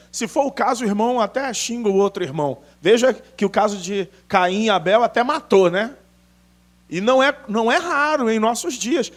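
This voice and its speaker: A male pastor preaching an emphatic sermon full of stories, acting out dialogue as he goes. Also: extremely high pitch. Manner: animated, emphatic, acts out dialogue. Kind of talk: storytelling sermon.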